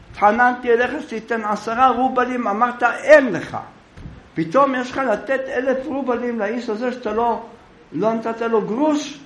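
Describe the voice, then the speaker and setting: A man's voice: medium pitch, roomy sound. A man voicing a shrewd old rabbi who settles a dispute and sternly rebukes a thief. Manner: calm bargaining, then stern rebuke.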